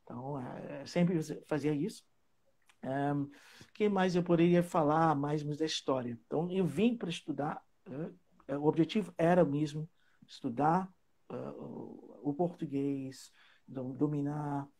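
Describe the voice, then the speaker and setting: Husky man, searching for words. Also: fairly high pitch, measured pace, a little mellow. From Trinidad and Tobago. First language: English. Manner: hesitant, searching for words, with many fillers. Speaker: guest language teacher. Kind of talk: casual live chat.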